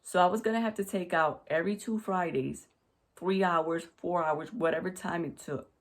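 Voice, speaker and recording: A woman's voice: fairly low pitch, normal speed. A woman vlogger retelling a work story to camera, emphatic and repetitive with frequent restarts, recorded at home on a USB desk mic. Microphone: USB desk microphone.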